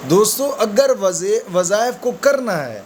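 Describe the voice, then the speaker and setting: High-voiced man giving spiritual advice. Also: very animated, a little hiss or hum. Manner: addresses listeners as friends, explains with everyday examples; slow, low Arabic recitation at the opening. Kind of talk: conversational religious talk to viewers.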